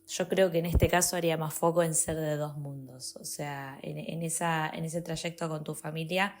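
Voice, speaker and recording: Low-voiced woman co-host. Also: steady tone, moderate pace. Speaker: podcast host. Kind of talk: interview commentary.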